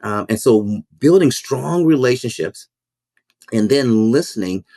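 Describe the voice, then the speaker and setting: A man's voice: medium pitch, lively intonation, dark tone, no room sound, studio quality. A man who is a school principal and minister, speaking in a podcast interview in an earnest, reflective way that halts and repeats words. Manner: halting, repeats words while thinking.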